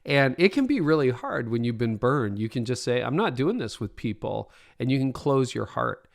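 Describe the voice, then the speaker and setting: Gravelly-voiced man hosting a podcast. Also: mid-range voice, very animated, moderate pace. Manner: casual, friendly questioning, light laughter. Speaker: podcast host.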